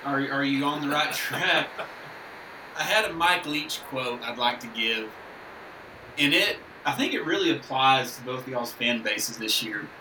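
A man's voice: mid-range voice, lively intonation, measured pace, sharp tone. Guy joking about football, far from the mic with noise around. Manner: jokey, stumbling restarts. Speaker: podcast co-host. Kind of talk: casual sports chat. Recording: echoey room, distant mic, background noise.

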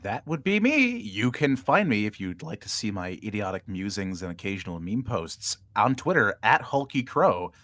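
A man's voice: fairly low pitch, very animated, moderate pace, few pauses, fairly bright tone, no echo. A man, a tabletop player, giving a casual, self-deprecating introduction of himself.

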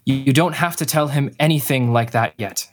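A man in a student radio drama playing a gentle, patient uncle who speaks calmly and reassuringly. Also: medium pitch, natural voice. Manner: calm, reassuring, measured.

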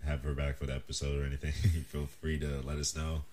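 A young man hosting a casual podcast chat, relaxed and joking, often laughing, a bit stuffed up. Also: very deep voice, fast, slight background noise. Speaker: podcast host.

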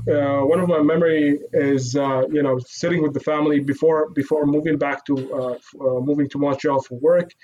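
Iraqi-born guy, guest on a chat, slightly high voice, lots of ums and restarts, modest. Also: darkish tone, dull audio. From Iraq. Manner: halting, many fillers and restarts, modest. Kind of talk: casual interview.

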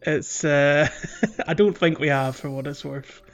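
A man co-hosting a podcast chats easily about a video game he's playing through, chuckling a lot along the way. He speaks in a slightly high, steady voice without hurrying.

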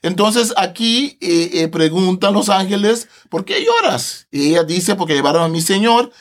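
Brief: male podcast guest, high pitch, animated and laughing, walks through scripture conversationally. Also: moderate pace. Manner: animated, laughs often, tags phrases with a questioning "no". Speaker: Bible translator, podcast guest.

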